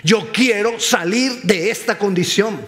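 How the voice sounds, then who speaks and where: A man preaching in Spanish voices a blind male beggar who pleads and shouts for mercy. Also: high voice, measured pace, pitched above the performer's own voice. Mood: earnest.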